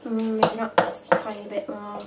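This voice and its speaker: Woman, thirties, chatty home cook, fairly high voice, echoey kitchen, far from the mic, pots clattering. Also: monotone, moderate pace, heavy background noise. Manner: chatty, talks while working. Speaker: cooking vlogger. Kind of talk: casual cooking demonstration. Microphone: camera mic from across the room. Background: clatter of pots and cutlery.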